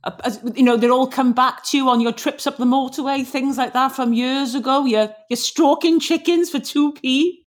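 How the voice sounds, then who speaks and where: A woman's voice: high-pitched, fairly even intonation, normal speed. A woman interviewing guests in a casual chat, tagging her points with questions like "right?". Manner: chatty, says "right?" a lot. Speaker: interviewer and author.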